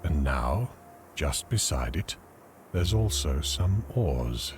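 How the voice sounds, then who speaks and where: A man's voice: very deep voice, sing-song, slow, background noise, exaggerated voice. A man narrating an adventure game in terse, matter-of-fact scripted descriptions.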